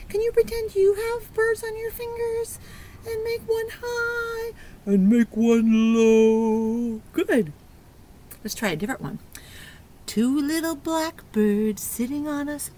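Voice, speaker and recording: A preschool teacher with a high-pitched, somewhat dark voice leads young children through a lesson with sung fingerplay rhymes. Her delivery is playful and sing-song, and there is slight background noise.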